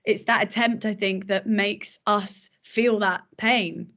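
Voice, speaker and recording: A woman's voice: mid-range voice, steady tone, takes it slowly, fairly bright tone. A woman, an actress appearing as a podcast guest, chatting earnestly and enthusiastically about films and acting. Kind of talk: casual film chat.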